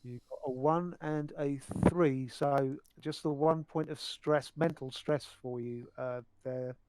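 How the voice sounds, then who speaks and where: A man running a tabletop roleplaying game as game master, speaking haltingly with pauses mid-sentence. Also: a little high, steady tone, noisy background.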